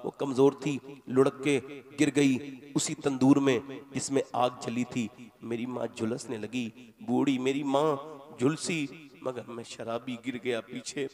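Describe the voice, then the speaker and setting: A man preaching an emotional sermon to a live gathering. He tells moral stories dramatically, swinging from loud cries to hushed pleading and acting out the voices of people in them. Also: mid-range voice, fairly even intonation, unhurried, crowd noise. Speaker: Islamic preacher. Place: live religious gathering with an audience.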